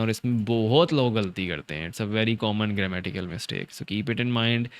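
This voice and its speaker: Slow, clear-voiced male grammar teacher. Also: on the low side, fairly bright tone, dry recording. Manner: mixes Hindi-Urdu and English, drawn-out English examples, quick asides. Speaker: IELTS teacher. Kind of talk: online grammar lesson.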